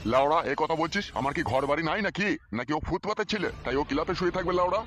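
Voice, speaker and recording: A man's voice: on the high side, expressive, very fast, fairly bright tone. A man playing a foul-mouthed hot-tempered village dad. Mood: angry. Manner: swears constantly, barking and scolding. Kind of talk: comic audio drama. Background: background music.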